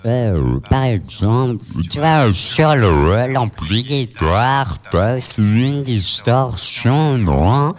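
A man on a casual live radio chat, asking questions in a halting way and repeating his words. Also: medium pitch, very animated.

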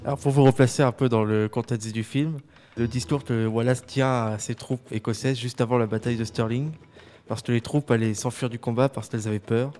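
A man's voice: mid-range voice, fairly even intonation, brisk, mellow. A man reviewing a film, moving between prepared summary and casual discussion.

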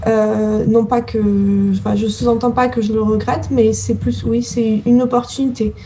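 Mellow, higher-voiced woman, hesitant. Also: level tone, normal speed, a little hiss or hum. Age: 30s. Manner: hesitant, searching for words. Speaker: interview guest, scientist. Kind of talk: answering interview questions.

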